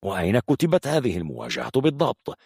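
A man voicing a hostile, impatient armed young man who interrogates harshly, in a gravelly, husky voice. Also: wildly swooping pitch, fairly quick, no room sound, clean studio sound, heavily acted. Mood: harsh, demanding. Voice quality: gravelly, husky, higher than narrator. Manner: harsh, threatening, demanding questions. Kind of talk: audiobook character voice.

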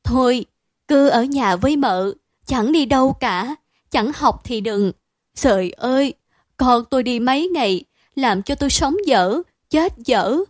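A woman voicing a distraught, doting mother who wails and scolds loudly, in a dry, close reading. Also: a little high, measured pace, no echo. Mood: wailing, scolding. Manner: loud, wailing, scolding.

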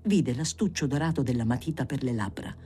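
An audiobook reader narrating a literary novel in an expressive, theatrical way. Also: medium pitch, brisk, faint music behind. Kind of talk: scripted reading of a novel.

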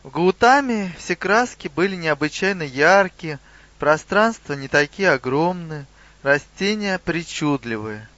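A man narrating an audiobook in a measured storytelling manner. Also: on the high side, fairly bright tone, no echo, highs cut off. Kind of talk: scripted narration.

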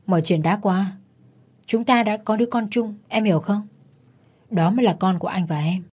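A woman's voice: medium pitch, normal speed, darkish tone, breathy edge, lightly acted. A woman narrator voicing a callous, scheming man who urges and soothes in a told story. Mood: urgent, cold. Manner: urgent, pushy.

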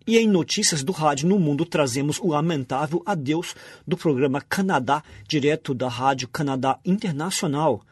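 A male radio presenter reads scripted material in a fairly high voice. His tone has a husky grain, and music plays along with him. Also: moderate pace, hardly any pauses, no room sound. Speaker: radio programme host.

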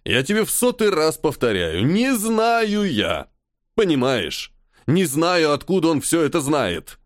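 A man's voice: fairly high pitch, very animated, unhurried, no room sound, studio quality. A man voicing a sarcastic, irritable army colonel. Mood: irritated. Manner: sarcastic, commanding, weary sighs. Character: irritable stern male army colonel, ironic boss. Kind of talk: audiobook character voice.

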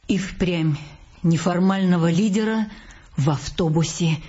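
A woman reading the narration of an audiobook in a steady voice. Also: on the low side, unhurried, slightly rough. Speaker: audiobook reader. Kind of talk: scripted narration. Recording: muffled audiobook recording, faint music.

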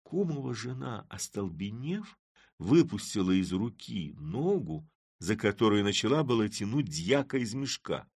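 Lively low-voiced male storyteller. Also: measured pace, husky, no echo, clean studio sound. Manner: animated, dramatic storytelling. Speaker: narrator. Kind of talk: expressive audiobook reading of classic prose.

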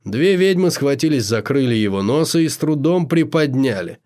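A man reading an audiobook in measured, expressive scripted narration. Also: medium pitch.

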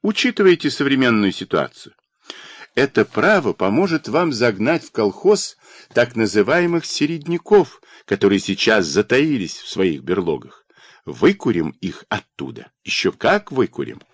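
A male reader voicing an arrogant party official in a harsh, curt and mocking manner, with lively pitch in a dry studio recording. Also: normal speed, dry recording. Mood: domineering. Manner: curt, domineering and sarcastic.

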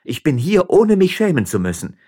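A man's voice: fairly high pitch, big pitch swings, normal speed, mellow, husky, pitched above the performer's own voice. A man voicing a proud, fiery young miller's wife who speaks firmly and indignantly.

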